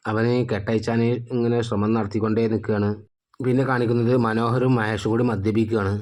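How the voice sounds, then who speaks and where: A man casually recapping a TV serial episode in a colloquial style. He talks in a slightly low voice and often fills pauses with small sounds and restarts. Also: little pitch movement, darkish tone.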